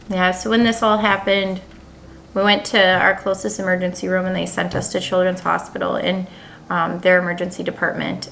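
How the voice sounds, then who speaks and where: A woman chatting casually on a family vlog, gentle and reassuring in how she talks. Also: fairly low pitch, gravelly, a little hiss or hum, rough recording. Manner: gentle, reassuring talk with a child. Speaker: vlogger, mother.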